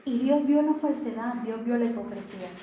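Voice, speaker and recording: A woman with a slightly high, warm voice preaches a brisk, emphatic Sunday sermon in a church hall, repeating key phrases and putting rhetorical questions to the congregation. The recording is echoey and slightly dull, with a little hiss or hum.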